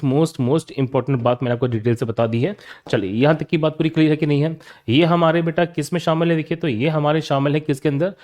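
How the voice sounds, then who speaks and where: Brief: young male teacher, fairly high voice, drills terms through repeated questions. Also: darkish tone. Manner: repeats questions and answers them himself; calls students "beta". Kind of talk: classroom lecture.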